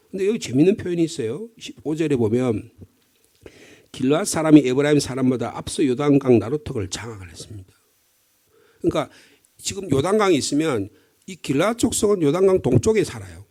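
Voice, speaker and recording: A warm, fairly high male voice belongs to a middle-aged Gyeongsang pastor with a Gyeongsang Korean accent. In his early-morning sermon he chats and tells stories, dropping in rhetorical questions.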